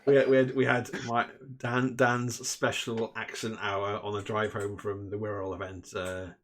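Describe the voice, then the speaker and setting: A man's voice: on the low side, level tone, normal speed, a little hiss or hum. A man hosting and commentating a live tabletop game stream in a casual, chatty way, with lots of fillers and restarts. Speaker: host and commentator.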